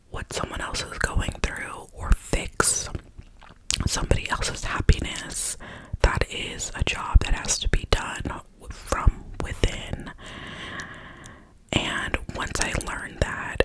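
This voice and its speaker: A young adult gives a gentle, confiding pep talk of positive affirmations in a clicky ASMR whisper. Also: poor audio. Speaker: ASMR creator.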